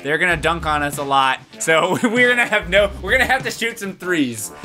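A man hosting a casual let's play, playful, excitable and jokey. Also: sits high, normal speed, soft background music. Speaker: gaming channel host.

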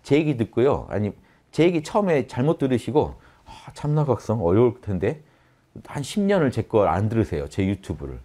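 A man teaching meditation in a lively spoken lecture, often acting out the inner voice in quoted asides. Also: medium pitch, a little fast. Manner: addresses listeners directly, animated.

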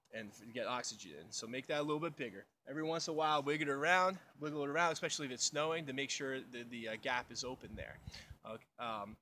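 Standing in snowy woods beside a snow cave, a young man with a bright, forceful, mid-range voice casually rambles through an unscripted explanation of outdoor survival, full of fillers. A camera mic a few meters away picks him up, along with slight background noise.

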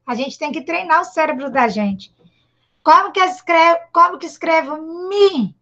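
A Brazilian woman teaching a child to read over a video call, patient and encouraging, sounding out syllables slowly. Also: extremely high pitch, bright, forceful tone. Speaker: primary school teacher. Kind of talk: online literacy lesson for a child. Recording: dull lo-fi video call audio.

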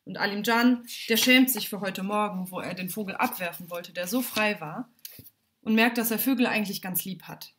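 A woman telling a children's story aloud, animated and dramatic, on a home livestream. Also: medium pitch, moderate pace.

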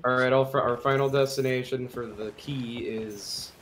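A man's voice: medium pitch, fairly even intonation, moderate pace, fairly bright tone, slight background noise. A man hosting a casual gameplay chat with friends, playful and directing his crew. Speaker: gaming host.

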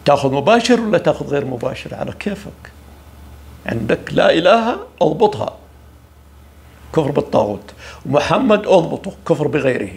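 A man giving an informal religious talk, preachy and lively, often acting out the voices of people he quotes. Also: a little high, a little fast, gravelly, long pauses. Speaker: religious speaker.

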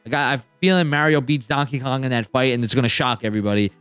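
Excitable, rambling man hosting a chat. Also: mid-range voice, fast talker, smooth, no room sound, faint music behind. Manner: rambling and excitable, full of "like" and "dude". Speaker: podcast host. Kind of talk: casual roundtable chat.

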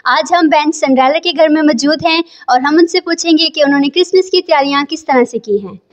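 Female TV host from Pakistan, high pitched, formal and courteous, recorded in a guest's home. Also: fairly quick. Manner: polite, formal greetings and blessings. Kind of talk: door-to-door Christmas interview. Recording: slightly dull lo-fi audio.

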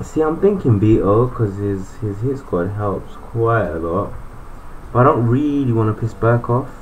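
A man talks through a video game in a loose, joking way, thinking out loud. His voice sits fairly low. Faint noise runs in the background. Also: animated, measured pace, rough recording. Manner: chatty, joking, thinks aloud. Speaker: gaming YouTuber. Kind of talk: casual gameplay commentary.

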